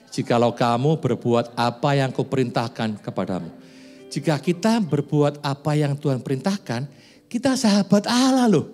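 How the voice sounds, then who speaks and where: A man in his forties preaches to his congregation with a slightly high voice, shifting from easy jokes to pointed, rising questions. Soft music plays behind him in the church. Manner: conversational, joking asides, rising emphatic questions. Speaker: pastor. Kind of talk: sermon. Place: church sanctuary.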